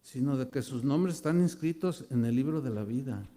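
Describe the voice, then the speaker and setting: A male preacher voicing Jesus as a calm, gently reproving teacher in a sermon retelling. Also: mid-range voice, normal speed, pitched below the performer's own voice, lightly acted. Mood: gently correcting.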